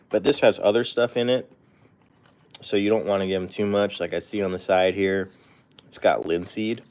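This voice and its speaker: Man, lowish voice, casual rambling pet vlog talk, chuckles as he goes. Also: a little mellow, slight background noise. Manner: rambling, self-correcting, chuckles often. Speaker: pet vlogger. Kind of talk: casual livestream chat.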